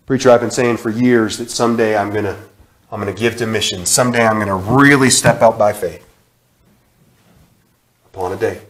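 A man in his thirties preaching a sermon in a church sanctuary, repeating phrases with emphasis and sudden drops to a hush. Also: lowish voice, steady tone, normal speed, long pauses. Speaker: guest preacher. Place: church sanctuary, large indoor room. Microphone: far camera, room mic. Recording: echoey church hall.

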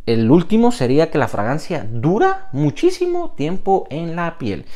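A young man reviewing fragrances in an enthusiastic vlog, with lively, swinging intonation. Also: on the high side, moderate pace.

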